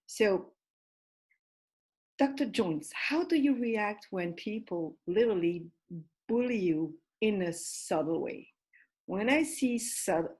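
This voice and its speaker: Husky earnest woman from Algeria. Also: mid-range voice, darkish tone, rough recording. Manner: earnest, halting, repeats phrases. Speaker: panel moderator. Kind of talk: casual discussion.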